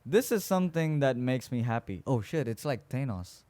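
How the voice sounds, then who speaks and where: A man co-hosting a podcast in a relaxed, rambling chat, with a voice of middling pitch. He tells stories loosely, full of fillers and restarts, and English is not his first language. The recording is close and dry, with no room sound. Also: normal speed, no echo. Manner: chatty, loose storytelling with many fillers and restarts. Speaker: podcast co-host. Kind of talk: casual chat.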